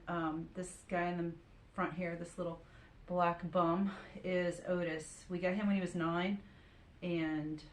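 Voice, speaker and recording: Calm woman guiding yoga, echoey room. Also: lowish voice, slight background noise. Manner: calm, steady cueing of breath and poses. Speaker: yoga instructor. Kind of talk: guided yoga instruction.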